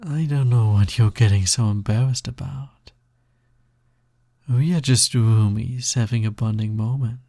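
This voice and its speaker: In an intimate audio roleplay, a man voices a smug, touch-starved naga demon, drawling softly as he teases and coaxes the listener in a flirty mood. His medium-pitched, unhurried voice is mellow, breathy and soft, with a slightly gravelly creak at the edges. The studio-quality recording has no echo.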